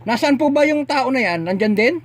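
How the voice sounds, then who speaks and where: Stern high-voiced Filipino man. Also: lively intonation, brisk. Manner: stern, interrogating. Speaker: faith healer. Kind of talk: exorcism session talk.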